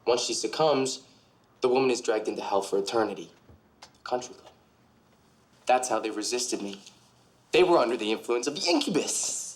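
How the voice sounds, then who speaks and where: An actor playing a brooding centuries-old male vampire, speaking low with dry wit in a television drama. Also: animated, normal speed, pauses often, lightly acted. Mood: ominous. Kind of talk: TV drama acting.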